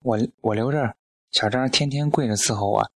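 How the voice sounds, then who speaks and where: A man's voice: mid-range voice, normal speed, vocal fry, a bit bright, no echo. Man reading as a fierce scolding old mother. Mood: indignant. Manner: scolding, blunt lecturing. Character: fierce sharp-tongued old mother, woman.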